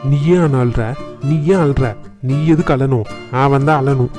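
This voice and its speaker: A man voicing a quick-tempered grown man in a family cartoon who scolds his brother heatedly. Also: medium pitch, loud music behind the voice, close to an everyday voice. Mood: consoling, bitter. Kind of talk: cartoon voice acting.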